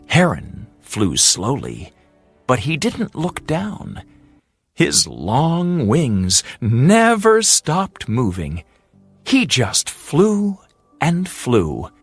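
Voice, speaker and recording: Over soft background music, a storyteller with a husky, medium-pitched voice narrates a fairy tale for English learners, deliberate and expressive, drawing out repeated words.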